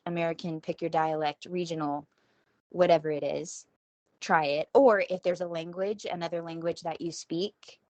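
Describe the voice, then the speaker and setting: A woman's voice: fairly low pitch, darkish tone, no echo. A woman in her forties from Texas, hosting a rambling, self-deprecating solo talk from her home kitchen. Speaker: podcast host. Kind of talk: casual solo monologue.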